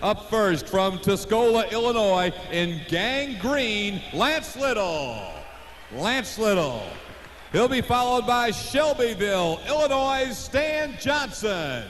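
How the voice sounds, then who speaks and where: A man's voice: sits high, lively intonation, slow pace, fairly bright tone. An American man working as an arena announcer, presenting competitors like a showman and stretching out their names. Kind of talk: driver introductions at a tractor pull show. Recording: echoey, noisy live arena PA.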